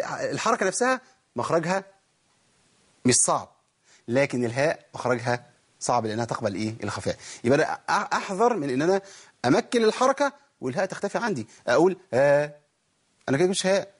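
A man's voice: fairly high pitch, big pitch swings, quick pace, pauses often, slightly rough. A man with an Egyptian Arabic accent teaching a tajweed lesson, asking and answering his own questions and demonstrating letter sounds. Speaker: Quran recitation teacher.

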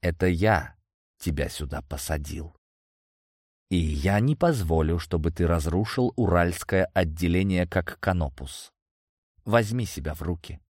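A man voicing a cold enforcer with a low, measured voice, reproachful and tired of arguing. Recorded dry and close. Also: a little mellow, no room sound. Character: cold, weary male enforcer.

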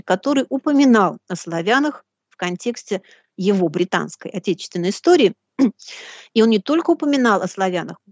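A woman giving a deliberate, didactic lecture in bookish phrasing, reading out quotations as she goes. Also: medium pitch, darkish tone, no echo, dull audio. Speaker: lecturer hosting a live broadcast.

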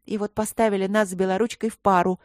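A woman reader voices a brash young dwarf mage girl who is tipsy and excitable, speaking loudly and fast, far above the reader's natural pitch. The words slur a little. The recording is dry and close, and the voice sounds natural.

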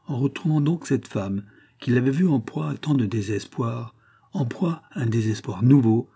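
A man narrating a classic novel in an even, deliberate way. His voice is dark and mellow with a husky edge, and he keeps a steady, unhurried reading tone. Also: on the low side. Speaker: audiobook reader.

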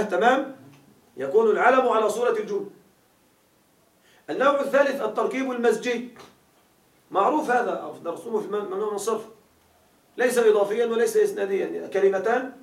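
Man teaching grammar, high voice, quizzing students, distant mic. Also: brisk, long pauses. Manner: quizzing students with repeated questions. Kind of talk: classroom grammar lesson. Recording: echoey room, mic far off.

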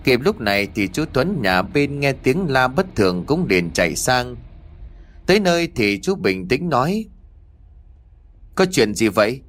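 A man narrating a ghost story in a measured, dramatic way. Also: medium pitch, big pitch swings. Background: faint music.

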